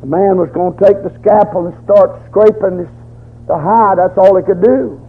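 A man's voice: high-pitched, normal speed, husky. An older man preaching a folksy, fervent storytelling sermon, in a dull lo-fi recording.

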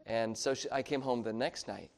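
A middle-aged man preaching a sermon in a conversational, storytelling way, with halting restarts and a voice that drops quiet when he turns confessional. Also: mid-range voice, creaky. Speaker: pastor.

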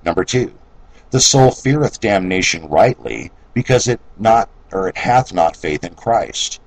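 Deep-voiced man reading devotional text. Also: breathy edge, no room sound, rough recording. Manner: measured and solemn, dropping low and soft on scripture references; occasional self-corrections while reading. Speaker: reader of a devotional treatise.

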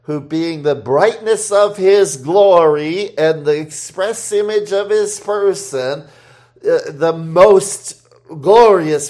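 Male preacher, mid-pitched voice, very slow deliberate sermon delivery with pauses. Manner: reads scripture aloud, rising for quoted shouts.

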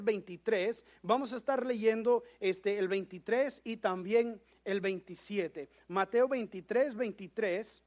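Slow-speaking male preacher. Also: very high-pitched. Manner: slow, builds to loud emphatic preaching. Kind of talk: sermon.

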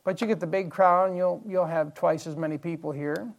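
A man's voice: a little high, fairly even intonation, brisk, gravelly, dull audio. A man preaching a midweek evening sermon in church, explaining Bible verses, repeating key phrases and asking the congregation rhetorical questions. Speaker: pastor.

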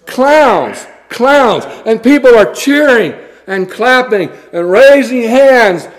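A man with a notably high voice delivers a sermon. His preaching is blunt and scornful, and he reads scripture in old-fashioned wording. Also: animated, slow.

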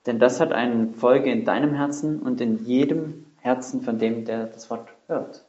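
A man's voice: medium pitch, unhurried, darkish tone. Male preacher, mid-range voice, earnest and emphatic; roomy, lo-fi church recording. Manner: earnest, emphatic, with rhetorical questions and repetition. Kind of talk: sermon. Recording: roomy, dull lo-fi sound.

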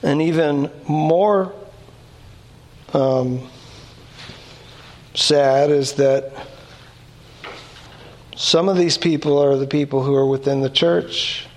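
A man's voice: fairly high pitch, takes it slowly, long pauses. A man, preaching a conversational sermon, reading scripture aloud and asking rhetorical questions. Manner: reads scripture aloud between comments. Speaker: pastor.

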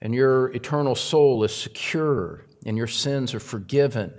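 A man preaching a sermon, earnestly calling his listeners beloved, his voice climbing higher and louder for emphasis before dropping low again, and slowing down on key phrases. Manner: builds in pitch and loudness for emphasis, then drops low. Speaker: pastor.

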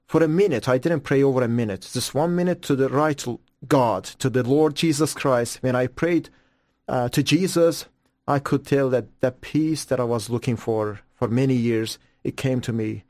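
A man's voice: medium pitch, moderate pace, darkish tone, dry recording, clean studio sound. Earnest man. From Iran. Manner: earnest, fervent storytelling with stammered restarts. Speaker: guest evangelist. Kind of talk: testimony in an interview.

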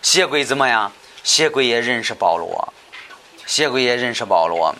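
A man's voice: mid-range voice, lively intonation, normal speed, sharp tone, slight background noise. A man teaching a Bible study lecture, talking hesitantly with many fillers and repeated words, often asking his listeners questions.

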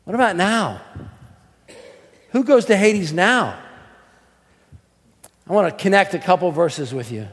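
A man preaching a fervent sermon, swinging between quiet teaching and shouted, drawn-out emphatic lines. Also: high voice, lively intonation. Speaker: pastor. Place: church sanctuary. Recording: long hall reverb.

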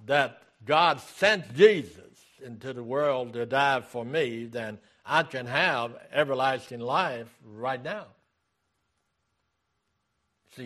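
Slow, deliberate male preacher. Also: mid-range voice, fairly bright tone. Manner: deliberate preaching, repeating key phrases. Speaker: pastor. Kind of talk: sermon.

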